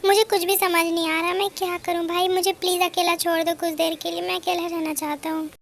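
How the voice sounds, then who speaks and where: A woman's voice: very high voice, little pitch movement, fairly quick, gravelly, slight background noise. A woman doing a guilt-torn young man. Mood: anguished. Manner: anguished, self-questioning. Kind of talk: fan audio drama voicing.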